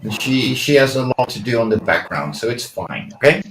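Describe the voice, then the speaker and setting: An easygoing male host with a middle-pitched voice, chatting on a live drawing stream. His mic sounds roomy, with faint noise underneath. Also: very animated, fairly quick. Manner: easygoing, friendly greetings. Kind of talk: casual chat on a live stream.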